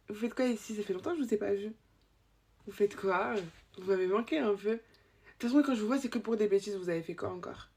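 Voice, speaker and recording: A husky-voiced woman playing a chatty young school supervisor in a point-of-view comedy sketch. She teases, gossips and scolds, jumping from loud calls to hushed, confiding asides. Her voice sits in a middle pitch with a slightly rough, breathy edge. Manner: teasing, chatty, swings between loud scolding and soft confiding.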